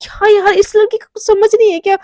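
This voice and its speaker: A woman's voice: very high-pitched, flat delivery, fast talker, mellow, a little hiss or hum, voice pushed up. A woman voicing a panicky, whiny young college woman who stammers out flustered protests.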